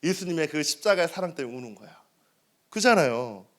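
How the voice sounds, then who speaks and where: Male pastor, 30s, animated sermon delivery, frequent rhetorical questions to the pews. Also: a little high, a little fast. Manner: lively, asks the congregation questions and answers them. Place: church sanctuary.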